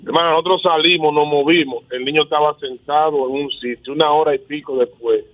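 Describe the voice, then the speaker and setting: A man's voice: on the high side, fairly even intonation, a little fast, narrow, tinny audio. A man emphatically telling a casual anecdote.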